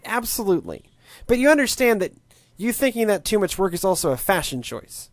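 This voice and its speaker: A man in his late twenties talks tech on a casual podcast. His voice swings widely in pitch as he rambles wryly, often restarting his sentences. The sound is dry and close, with no room around it. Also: fairly quick, no room sound. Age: late 20s. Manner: animated, wry, rambling with restarts. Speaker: podcast co-host, tech commentator.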